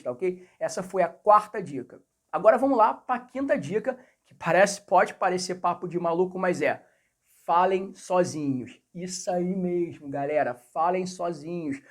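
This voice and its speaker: A man with a Rio de Janeiro accent giving a casual video lesson on learning English, chatty and speaking straight to viewers. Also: high-pitched. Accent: Rio de Janeiro Portuguese. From Brazil. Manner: chatty, repeats phrases, addresses viewers directly. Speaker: English teacher.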